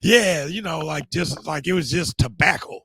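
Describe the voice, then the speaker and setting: Husky and creaky, this middle-aged host's voice sits a little high, with a sharp tone and a moderate pace in a dry recording with no room sound. He's losing his voice as he chats casually, rambling, restarting frequently, and leaning on fillers.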